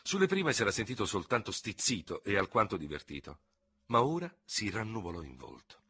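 Husky low male audiobook narrator. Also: very animated, fairly quick, pushed and bright, no room sound.

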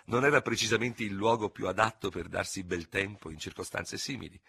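A man's voice: lowish voice, fairly quick, vocal fry, pushed and bright, husky, full character voice. A man voicing a cool-headed young staff officer who answers with controlled scorn. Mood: teasing. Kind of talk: audiobook character reading.

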